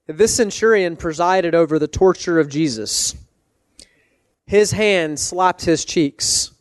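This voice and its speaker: A man preaching a sermon as a pastor, speaking earnestly and emphatically, with deliberate phrasing and direct appeals to his listeners. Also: on the high side, no echo.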